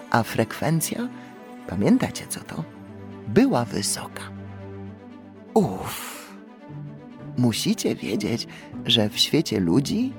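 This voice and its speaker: Casting: a male children's audiobook narrator, expressive, animated pitch, gravelly. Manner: expressive, storytelling, unhurried.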